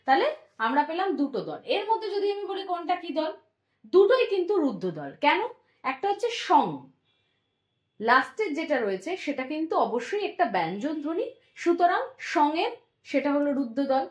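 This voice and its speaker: Woman teacher going over a lesson, high lively voice, echoey room. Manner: patient, drawn-out demonstration of words. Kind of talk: explaining a class lesson.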